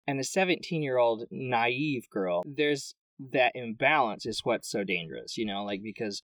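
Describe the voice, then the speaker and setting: A man's voice: mid-range voice, normal speed, no echo, far from the mic. A young adult man co-hosting a podcast in casual chat. He jokes and teases as he talks. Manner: animated, joking and teasing. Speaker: podcast co-host.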